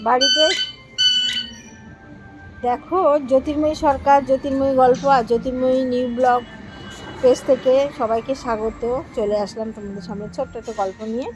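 Soft background music and poor audio frame a woman's high voice, fairly even in intonation and a little fast, with frequent pauses. She's the host of her own page, casually vlogging in her home garden, effusive and repetitive as she shows viewers things.

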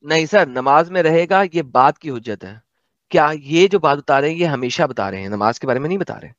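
A man with a high voice hosts a casual talk, reading a passage aloud and cutting in with sarcastic, mocking remarks. The sound is dull and lo-fi, with a dry, close feel and no room echo. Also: animated. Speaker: host.

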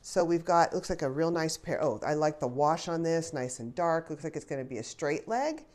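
A fashion try-on vlogger in her fifties chats casually while unboxing and trying on clothes in a small pink bedroom. She sounds a bit congested, and her low, expressive, slightly mellow voice moves at normal speed. She's wearing a clip-on lapel mic and thinks aloud chattily, with small laughs.

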